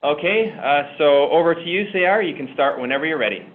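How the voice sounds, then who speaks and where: A man's voice: fairly high pitch, animated, brisk. A man hosting a webinar, upbeat and welcoming as he introduces a student presenter. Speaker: webinar host. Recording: tinny phone-like line with faint noise.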